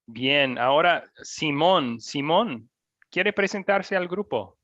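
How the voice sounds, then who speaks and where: A man's voice: a little high, animated, slow pace, fairly bright tone, no room sound, lo-fi sound. A male teacher hosting an online class, calling on students by name in a friendly way.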